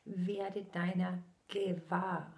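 Speaking as a spiritual medium, a woman in her sixties gives a channeled message in a low, gravelly voice at a very unhurried pace, with a flat delivery. Her eyes stay closed, and many phrases drop into a soft whisper. The sound is close and intimate, as though captured on a laptop in a small room at home.

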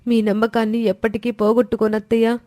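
A woman voicing a young, gentle daughter-in-law who speaks softly and deferentially. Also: on the high side, flat delivery, fast talker, no echo, studio quality, pitched above the performer's own voice, lightly acted. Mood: tearful. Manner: soft, deferential.

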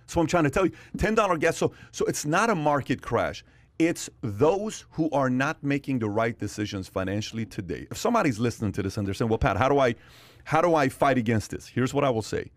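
A man's voice: medium pitch, sing-song, fairly quick, no room sound. Emphatic man hosting a studio podcast. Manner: emphatic, repeats phrases, talks with his hands. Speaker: podcast host. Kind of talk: animated casual discussion. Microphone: studio mic on boom arm, wearing headphones. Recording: dry close-miked studio sound.

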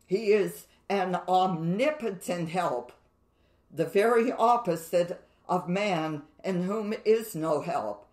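Woman Bible teacher, slow deliberate delivery, repeats key phrases, roomy echo. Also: on the low side, a little mellow.

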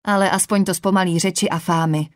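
A woman's voice: on the low side, fairly even intonation, no echo, clean studio sound, lightly acted. Woman reading a tense ship officer woman. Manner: firm, strained.

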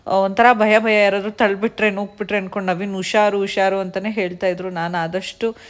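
Woman, young adult, chatty family vlogger, mid-pitched voice, casual talk. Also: little pitch movement, fairly quick. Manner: chatty, mixes English words into her talk. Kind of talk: casual vlog narration.

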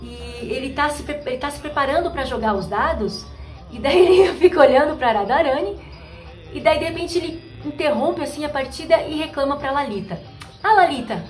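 High woman storyteller, chatty and lively, roomy recording. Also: fairly quick. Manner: lively, laughs often, says "né". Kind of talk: casual storytelling with acted quotes. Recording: roomy with faint music behind.

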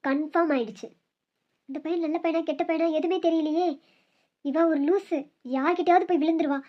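A woman voicing a sharp-tongued older mother-in-law in a cartoon family drama, scolding and commanding. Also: sits high, quick pace, pitched below the performer's own voice, close to an everyday voice. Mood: worried muttering. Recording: dull lo-fi audio.

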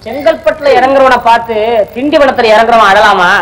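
A woman's voice: fairly high pitch, a little fast, lightly acted, poor audio. A performer in a 1960s Tamil film playing a fretful man who keeps brooding over death, grumbling sardonically. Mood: sardonic. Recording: old film soundtrack with faint music.

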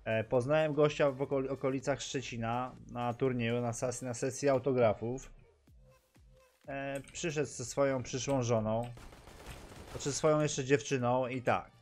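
Animated Polish man telling stories. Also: mid-range voice, unhurried, faint music behind. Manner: animated, switches between Polish and broken English, bursts into loud exclamations. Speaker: gaming streamer vlogger. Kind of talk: casual storytelling vlog.

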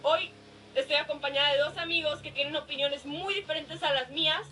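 High bright woman in a distant clip. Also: steady tone, fairly quick. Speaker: vlogger in played clip. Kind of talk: earnest opinion vlog. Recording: distant clip audio with music.

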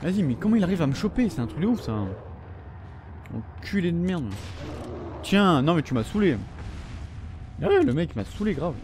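A young man with a fairly high voice gives let's play commentary. He swears freely and taunts his enemies as he plays. Faint game gunfire sits under his voice. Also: very animated, normal speed, long pauses, a little mellow, slight background noise. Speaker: gaming video host.

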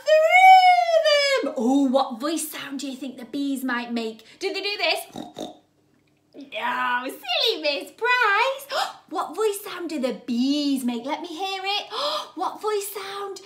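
A young woman teacher reading a picture book aloud to young children, animated and sing-song, gasping before her lines. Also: high voice, measured pace, hardly any pauses. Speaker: primary school teacher.

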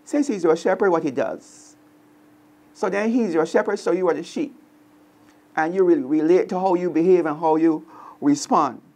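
Unhurried teaching voice, repeating phrases. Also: mid-range voice, dark tone. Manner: slow, repeats key phrases, pauses. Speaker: co-presenter. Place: television studio.

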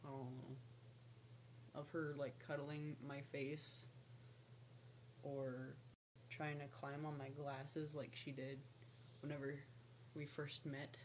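Low-pitched young woman, slow casual vlog chat. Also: flat delivery. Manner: rambling, breaking off to coo at her pet. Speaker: pet snake owner vlogging. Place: small lamp-lit room at home. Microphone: webcam or laptop mic at arm's length. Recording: noisy home webcam audio.

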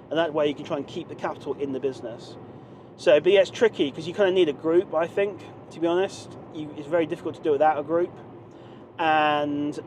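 A man in his thirties talks to camera from the driver's seat, his voice a touch higher than most men's. He rambles, circling back with fillers and restarts. Road and engine noise hums clearly under a dashboard camera mic. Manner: rambling, many fillers and restarts, gestures while talking. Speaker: vlogger, online seller. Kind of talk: casual driving vlog monologue. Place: inside a moving car.

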